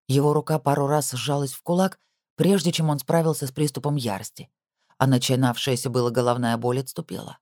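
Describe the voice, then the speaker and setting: A man narrates a crime novel in a steady, even reading voice at an ordinary pitch. The recording is dry and close, with no room around it. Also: brisk, dry recording. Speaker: audiobook narrator. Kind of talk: scripted narration.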